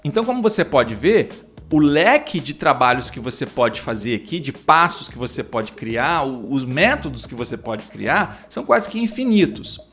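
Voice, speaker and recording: Speaking at normal speed in a mid-range, slightly bright voice with big pitch swings, a man explains English lesson steps casually. He's talkative, filler-heavy, and full of restarts, and he acts out teacher-student dialogues over faint background music.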